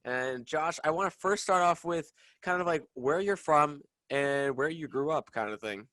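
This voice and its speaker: A young man hosting a podcast, upbeat but halting, with many fillers and restarts. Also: fairly high pitch, a bit bright, no room sound. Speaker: podcast host. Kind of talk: casual interview chat.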